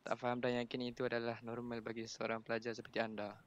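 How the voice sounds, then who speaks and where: Malaysian student reading over dull call. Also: male voice, medium pitch, completely flat delivery, fast. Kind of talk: reading aloud in class. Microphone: video call mic.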